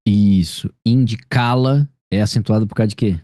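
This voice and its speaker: A man's voice: lowish voice, normal speed, warm tone, dry recording, studio quality. A man with a Brazilian accent tutoring a student one-on-one over a video call, explaining patiently and often checking that she follows. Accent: Brazilian Portuguese. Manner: explanatory, checks understanding with frequent tag questions. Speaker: grammar teacher.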